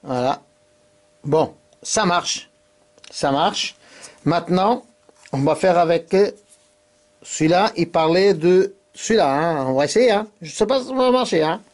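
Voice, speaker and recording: In a cluttered indoor workshop, a man with a high-pitched, animated voice hosts an amateur demonstration video captured on a camera mic. He speaks a little slowly with frequent pauses, hesitant and informal, using tag words as he shows things hands-on.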